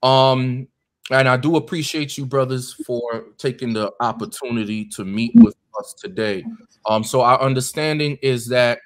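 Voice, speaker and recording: A man's voice: medium pitch, normal speed. An American man, a deacon, preaching earnestly and directly to guests at a meeting, with many ums and uhs. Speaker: deacon leading a Bible study.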